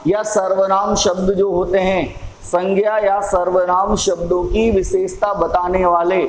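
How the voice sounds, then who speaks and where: Slow, level-voiced male grammar teacher. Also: sits high. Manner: slow, repetitive, drawn-out explaining, clears throat often. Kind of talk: slow classroom explanation. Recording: echoey room, faint ambient noise.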